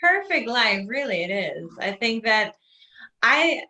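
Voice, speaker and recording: A woman hosts a relaxed chat over a video call. Her voice is bright and sits a little high. She talks in an upbeat, chatty way and laughs easily. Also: slow. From not from Spain, lives in Spain. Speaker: host.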